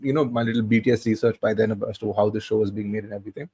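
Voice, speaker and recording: A man's voice: fairly low pitch, fairly even intonation, racing, warm tone, breathy edge, dry recording. A man in his thirties co-hosting a film podcast, retelling scenes in casual chat with many restarts. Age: 30s. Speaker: podcast co-host.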